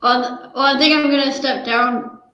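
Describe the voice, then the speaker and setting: A woman with a fairly high voice speaks over a call, sounding tinny as if inside a tin can. Her bare-walled bedroom makes the sound boom with echo. She answers plainly and matter-of-factly. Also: fairly even intonation, normal speed, pushed and bright. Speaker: guest joining a livestream. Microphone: remote call into a livestream.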